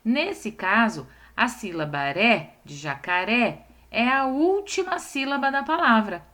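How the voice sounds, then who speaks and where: In a recorded lesson for young schoolchildren, a woman explains things patiently, step by step. Her high-leaning voice is pushed and bright with lively intonation, and she slows down to stress syllables while checking that the children are keeping up.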